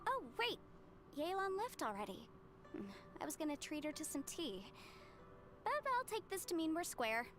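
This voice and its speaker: A woman's voice: very high voice, very animated, normal speed, a bit bright, soft background music, heavily acted. A woman voicing a polite, upbeat, capable young woman in a video game, speaking articulately. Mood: cheerful. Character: bright, courteous, capable young woman, friendly and grateful.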